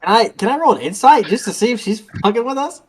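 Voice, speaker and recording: A man's voice: very high voice, expressive, quick pace, a crowd in the background. A man playing a tabletop game, eagerly declaring his character's actions and joking. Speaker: player. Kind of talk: casual tabletop play.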